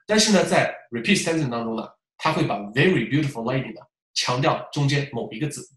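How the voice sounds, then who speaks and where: A man lecturing as a test-prep teacher, lively and full of rhetorical questions as he demonstrates examples aloud. His voice sits in a middle pitch. The recording carries a roomy echo. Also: a little fast. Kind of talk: classroom-style lecture.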